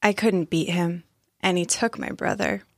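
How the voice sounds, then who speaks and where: A meek young man grieving his brother, voiced by a woman narrator. He speaks softly and hesitantly in a low, gravelly voice. The sound is close and dry. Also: unhurried, no room sound. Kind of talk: storybook narration.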